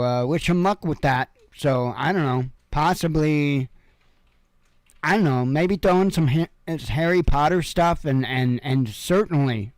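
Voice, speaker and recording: At home in a room, a news commentary host from Illinois, USA casually reads through headlines and adds rambling, offhand asides packed with fillers. His mid-range voice sounds clean, with no echo.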